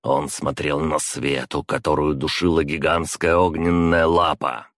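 A man narrating a fantasy audiobook in a steady, measured way. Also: a bass voice, no room sound, studio quality.

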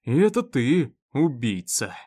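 A man's voice: mid-range voice, sing-song, normal speed, a little mellow. A man voicing a mocking, predatory prisoner who drawls his words slyly. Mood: taunting. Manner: sly, drawling, taunting.

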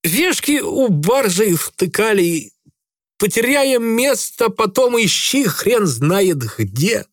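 A man voicing a drunk, insolent sailor who jeers, shouts and swears coarsely. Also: high voice, big pitch swings, takes it slowly, no echo, clean studio sound, pitched above the performer's own voice, full character voice. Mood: mocking.

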